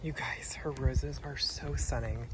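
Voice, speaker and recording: A man's voice: mid-range voice, steady tone, unhurried. A man giving a casual, enthusiastic tour of a client's garden, gushing over the plants with lots of ums. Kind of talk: casual walkthrough vlog. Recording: loud wind and traffic noise outdoors.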